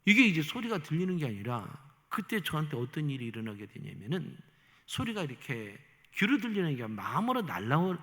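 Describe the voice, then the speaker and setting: A middle-aged male pastor giving a testimony sermon, telling his story with animated storytelling and acting out his inner thoughts. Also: medium pitch. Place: church sanctuary. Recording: long hall reverb.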